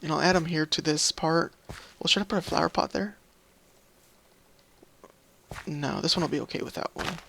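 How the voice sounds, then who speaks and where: In this casual Minecraft let's play, the series host talks fast in a steady, fairly high voice that is bright and forceful yet tired and slightly scratchy, with vocal fry. He rambles, apologizes, and narrates his thoughts while playing.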